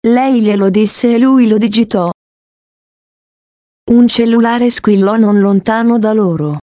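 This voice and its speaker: A woman narrating a short story in a slow, careful reading style. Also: a little high, dark tone, dry recording.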